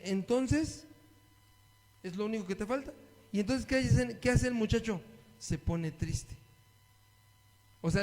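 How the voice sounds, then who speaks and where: A man preaches to his listeners in a high voice. He reads Bible verses aloud and keeps asking them questions. His voice carries a long reverb from a large hall. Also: darkish tone. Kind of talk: sermon Bible study.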